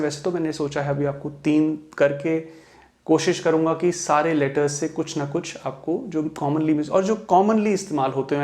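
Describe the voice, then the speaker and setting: A man from India teaching English pronunciation in a Hindi lesson, patiently explaining and slowly spelling out model sentences in English. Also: fairly high pitch, a little mellow.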